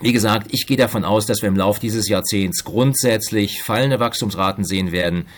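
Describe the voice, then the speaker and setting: Middle-aged man, professor, interview guest, lowish voice, analytical, hesitant fillers. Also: slight background noise. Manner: measured, analytical, with frequent hesitations. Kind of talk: expert interview answers.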